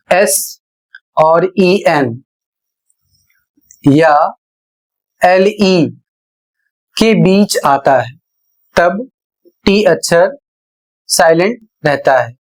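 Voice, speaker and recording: A male teacher explaining pronunciation rules, spelling words out letter by letter in slow, deliberate short phrases. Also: on the high side, low-quality recording. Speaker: English teacher.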